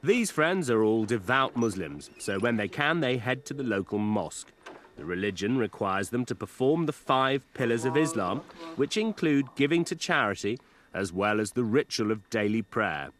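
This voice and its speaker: A male reporter giving scripted narration for a TV news feature in a measured, even delivery. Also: mid-range voice.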